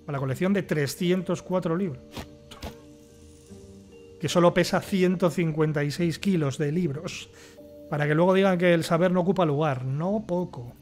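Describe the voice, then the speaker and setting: A man's voice: fairly high pitch, moderate pace, darkish tone, faint music behind. A man with a Castilian Spanish accent reading game text aloud and commenting casually, with wry asides. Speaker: gamer playing and commenting.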